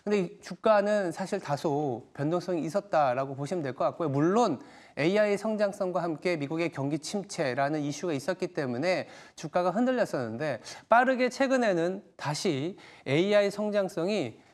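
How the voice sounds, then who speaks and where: A man hosts a televised stock market talk, his voice sitting on the higher side for a man. He lays out market moves in a measured, explanatory way, dropping small fillers as he goes. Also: expressive. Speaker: TV stock market show host. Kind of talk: broadcast market commentary and interview.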